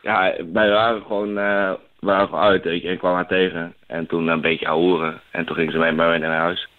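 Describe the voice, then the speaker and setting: A man's voice: deep voice, little pitch movement, fairly quick, phone-quality sound. A young Dutch man on a prank call, talking in casual, sheepish slang. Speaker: prank caller.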